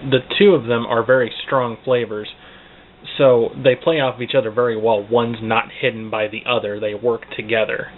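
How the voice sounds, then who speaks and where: A man gives a casual, unscripted review in a mid-pitched voice. He hesitates and repeats words as he searches for the next one. The sound is narrow and phone-like, with clear noise behind him. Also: steady tone, moderate pace. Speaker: pipe tobacco reviewer. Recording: tinny, phone-like band, clearly noisy.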